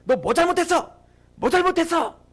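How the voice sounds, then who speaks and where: A gruff, threatening construction boss barks his questions in a raised, sharp voice, as a preacher acts him out. He speaks high and swings his pitch widely. He interrogates and intimidates. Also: very animated, normal speed. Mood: barking. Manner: barking, interrogating. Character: gruff threatening middle-aged male site manager.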